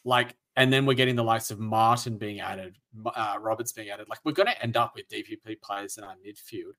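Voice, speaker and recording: A man's voice: on the low side, brisk, a bit bright. A man, a panelist in a casual chat, earnestly explaining strategy with a few restarts. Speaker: fantasy football panelist.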